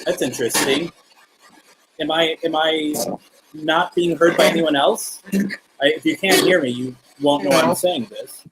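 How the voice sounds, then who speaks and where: Hosting a live paranormal session, a man with a fairly high voice talks at a measured pace. He keeps it casual and conversational, asking questions of both the spirits and his unseen viewers, with background noise audible.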